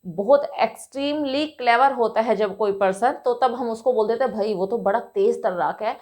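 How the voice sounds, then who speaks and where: A woman teaching English vocabulary to Hindi speakers, explaining patiently and often checking with "right?", saying example sentences slowly. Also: fairly high pitch, darkish tone.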